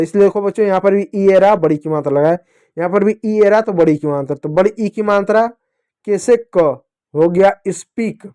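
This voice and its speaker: A man teaching children to read English words, spelling them out slowly sound by sound and calling his pupils dear kids. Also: high voice, dark tone. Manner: slow, syllable-by-syllable spelling out of words. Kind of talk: phonics lesson for kids.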